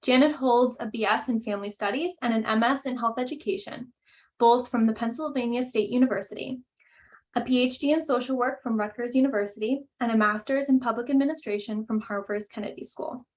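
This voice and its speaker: This webinar host and coordinator, a woman with a fairly high voice, moves fairly quickly as she introduces a speaker over a video call. Her tone is friendly, with plenty of "um" fillers.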